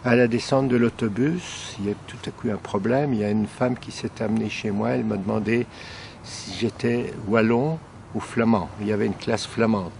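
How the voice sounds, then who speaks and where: Older man, testimony, gravelly, low-set, hesitant, faint hum behind. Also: fairly even intonation, normal speed, a little mellow. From Belgium. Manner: hesitant, searching for words. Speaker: interviewee, former hidden child. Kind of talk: recalled testimony.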